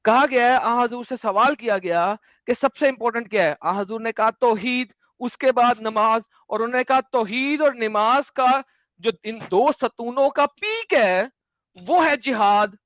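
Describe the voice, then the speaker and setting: A man hosting an online debate, lecturing forcefully and dropping English phrases into his speech. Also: extremely high pitch, dry recording, lo-fi sound. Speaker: debate host.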